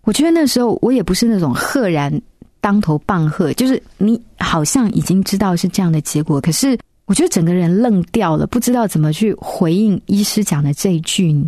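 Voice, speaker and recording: A woman, recounting a personal story in a soft, reflective way. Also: medium pitch, lively intonation, brisk, no echo, clean studio sound. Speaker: interview guest. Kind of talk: personal testimony.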